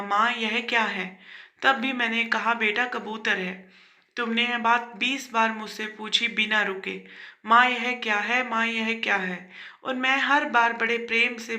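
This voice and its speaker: A woman's voice: fairly high pitch, sharp tone, roomy sound. Woman voicing an elderly patient mother.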